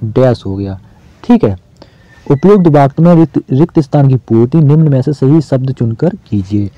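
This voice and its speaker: A man's voice: mid-range voice, animated, moderate pace, dark tone, no echo, muffled recording. A man teaching an exam-prep lesson in a casual, chatty way, asking questions and answering them himself.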